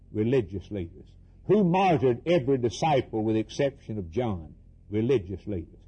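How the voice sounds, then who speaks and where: Warm and medium-pitched with a breathy edge, this man's voice carries an impassioned sermon full of repetition, rhetorical questions and short, emphatic declarations. He acts out quoted scripture and dialogue with dramatic flair, on a rough recording.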